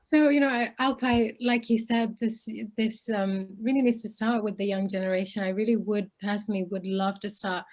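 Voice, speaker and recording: A woman's voice: medium pitch, steady tone, normal speed, hardly any pauses, a little mellow. A woman in her twenties from Bangladesh, an interview guest speaking earnestly and articulately about her opinions. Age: 20s. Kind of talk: conversational interview.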